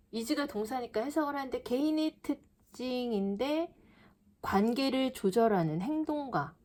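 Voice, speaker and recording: A woman lecturing on how to read English sentences, with a fairly high voice that climbs and falls a lot. She talks straight to her students, calling herself the teacher, and reads each example aloud piece by piece. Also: darkish tone. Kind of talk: lecture explaining reading.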